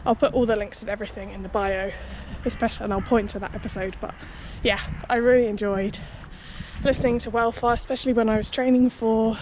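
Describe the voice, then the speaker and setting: A young woman with a somewhat high, steady voice talks at a quick pace to her running vlog's viewers, keeping it casual and full of hedges. She's recording outside along a busy city road, and traffic and street noise come through.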